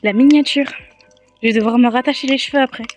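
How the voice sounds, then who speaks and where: A young Frenchwoman vlogs on a handheld phone, rambling and poking fun at herself in easygoing chat. Her voice sits high and her pace is quick, with soft music in the background.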